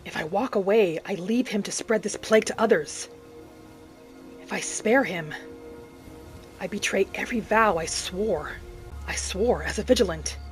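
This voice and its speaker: A gaming roleplay narrator speaks in a mid-range voice at normal speed, pausing often. She muses aloud dramatically while commenting in character, with faint music behind her.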